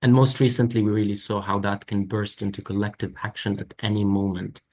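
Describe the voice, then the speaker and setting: A young man from the Levant moderating an online webinar, speaking in a measured, reflective way with occasional fillers. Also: fairly low pitch, little pitch movement, darkish tone. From Lebanon or Syria. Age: young adult. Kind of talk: formal introductory talk. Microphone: video call.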